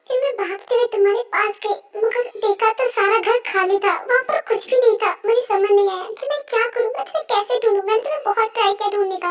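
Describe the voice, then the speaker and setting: A young woman voicing a lovesick, desperate first wife, pleading and tearful, in a fan dub role-play. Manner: pleading, tearful, high-strung.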